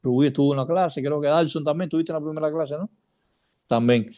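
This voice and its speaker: A man leads an informal Bible study class, speaking quickly in a warm voice that sits on the high side. He's chatty, checking in with students by name, asking them questions and repeating points as he goes.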